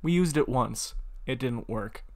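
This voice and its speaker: Slow, amused man reading aloud. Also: medium pitch, expressive, a little mellow. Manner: amused, breaks into laughter while reading. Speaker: YouTuber reading computer-written stories aloud. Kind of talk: casual reading with commentary.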